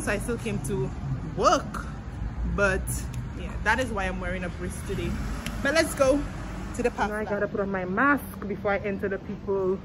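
A young woman, a medical student, chatting casually to her phone camera in an upbeat way, often saying "literally" and "like". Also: mid-range voice. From Saint Lucia. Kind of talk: casual vlog chat. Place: stadium, kitchen, hospital hallway and lab. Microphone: phone camera at arm's length. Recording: phone vlog with clear background noise.

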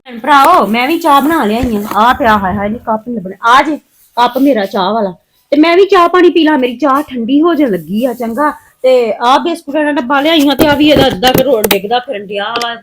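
A woman's voice: high voice, expressive, brisk, slight background noise. A woman with a Punjabi accent chatting casually for a home vlog, rambling in a plaintive, homely way as she talks to her viewers. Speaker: family vlogger and mother.

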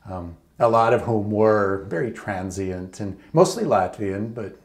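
A man of about sixty from Michigan chats openly in a seated home interview, his voice sitting fairly low. The talk is relaxed, with easy fillers. The room gives it a noticeably echoey sound. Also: measured pace. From Michigan, United States. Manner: chatty, open, with casual fillers. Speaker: interview guest, channeler. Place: living room at home, indoors. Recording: roomy indoor echo.

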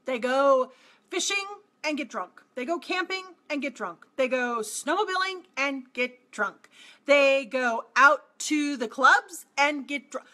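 Speaking slowly in a high, bright voice, a forties-aged marketing coach delivers a motivational talk to camera in her small home office. She stresses points emphatically, says phrases again and again, and gestures animatedly.

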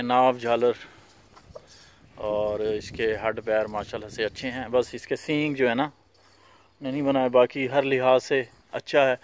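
A Pakistani cattle farm owner walks through his dusty outdoor farmyard in a casual vlog, showing animals for sale. His medium-pitched, clean, mid-range voice plainly and repetitively points out each animal's features.

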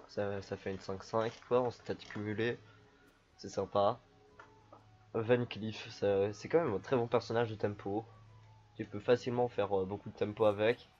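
A man streaming a card game, talking casually through his moves in a relaxed, rambling way with lots of fillers. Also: on the low side, dull audio. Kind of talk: casual gameplay commentary.

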